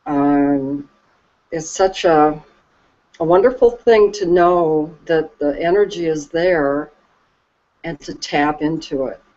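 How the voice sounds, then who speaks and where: A woman talking slowly and reflectively about her calm as a Reiki practitioner, soft and hesitant with many pauses and restarts. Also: low voice. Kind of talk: slow reflective conversation. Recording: dull lo-fi recording.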